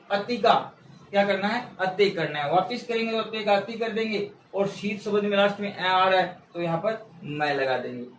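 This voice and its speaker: High-voiced man teaching in an echoey room. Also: slight background noise. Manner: asks questions and answers them himself, repeats key words; patient, step-by-step explaining. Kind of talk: exam-prep grammar lesson. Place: room with a board he writes on. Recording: echoey room, mic far off.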